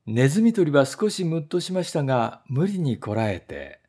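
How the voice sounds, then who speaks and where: A male voice actor narrates a children's story with measured, expressive delivery. His pitch sits a little high for a man and moves in lively rises and falls. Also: slightly rough. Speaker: voice actor reading a story aloud.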